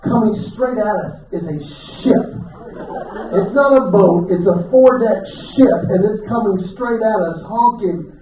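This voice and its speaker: A middle-aged man telling a stand-up story, animated, acting out quotes with sudden shouts. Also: high voice, unhurried. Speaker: stand-up comedian. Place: event hall with live audience. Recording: echoey hall from far off, crowd noise.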